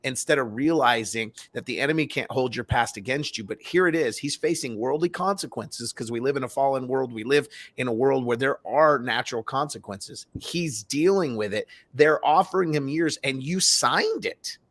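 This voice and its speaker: A man's voice: mid-range voice, moderate pace, hardly any pauses, a bit bright. Preachy male talk show host. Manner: preachy, turns to address the audience.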